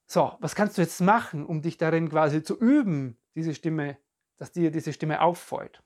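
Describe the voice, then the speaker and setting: A podcast coach giving a calm, reflective self-help talk straight to the listener, often searching for words and repeating phrases. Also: medium pitch, normal speed. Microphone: podcast and video recording.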